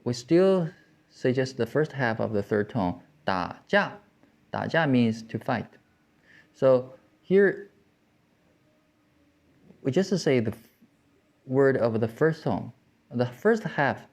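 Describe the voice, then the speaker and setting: A man teaching Mandarin tones, explaining slowly with frequent restarts and pauses. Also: medium pitch, lively intonation, darkish tone. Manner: halting, with many restarts and fillers. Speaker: Chinese language teacher. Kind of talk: slow explanatory lesson.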